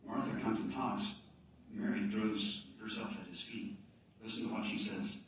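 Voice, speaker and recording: A pastor with a lowish, fairly even voice preaches a sermon at a moderate pace in a church sanctuary, building to emphatic peaks and dropping almost to a whisper as he acts out quoted pleas. The mic sits at a distance in a very echoey church, and a slight hiss or hum is audible.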